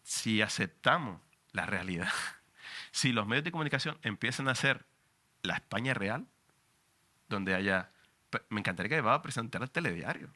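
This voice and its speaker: Fiery Canarian man with bright voice. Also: on the low side, lively intonation, normal speed, pauses often. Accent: Canarian Spanish. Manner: passionate, emphatic, frank and profane. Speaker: journalist and panelist. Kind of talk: public talk at a book presentation.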